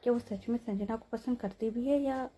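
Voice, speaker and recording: A woman's voice: a little high, fairly quick, warm tone, slightly rough. A young woman narrating a story in a casual, chatty way, turning to her listeners with asides.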